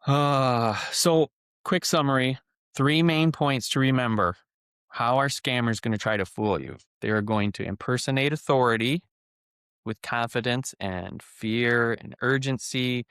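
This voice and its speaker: Man, podcast guest, smooth clear voice, earnest explaining, dry close sound. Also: medium pitch, measured pace, a bit bright, no room sound. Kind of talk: casual explanatory chat.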